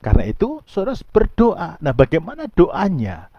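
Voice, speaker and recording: A man's voice: huge pitch swings, moderate pace, no echo. Emphatic male pastor, dull dry recording. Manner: emphatic, swinging between soft low asides and high pleading outbursts. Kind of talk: sermon.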